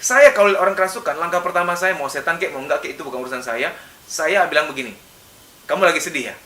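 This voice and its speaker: A male psychologist giving a lecture in a relaxed, conversational way, animating his examples with sudden bursts of voice. His voice sits high and sounds very bright and piercing. It comes from some way off the mic in a roomy, echoing space. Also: fast. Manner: animated, acts out examples with sudden loud outbursts. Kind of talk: lecture in casual conversational register. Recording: echoey room, mic at a distance.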